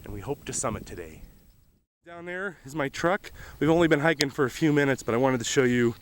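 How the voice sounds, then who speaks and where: Here the same kind of hiking vlogger, a man with a mid-range voice, speaks a little fast with lively intonation. Outdoors on a desert mountain trail, he gives easygoing, chatty narration of the route, enthusiastic about the views, while his camera mic catches ambient outdoor sound.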